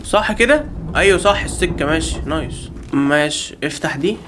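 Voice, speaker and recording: شاب بلهجة مصرية يعلق على لعبة رعب وهو يلعب، يصرخ ويهزر مع المتابعين. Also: male voice, fairly high pitch, expressive, fairly quick, noisy background. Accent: Egyptian Arabic. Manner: panicky, yelling in bursts while being chased; jokey, talks to viewers and the game. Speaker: gaming channel host. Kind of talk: live horror game commentary.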